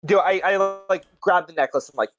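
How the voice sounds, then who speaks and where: A man playing a tabletop game, chatting casually and haltingly as he thinks aloud. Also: high-pitched, lo-fi sound, over music.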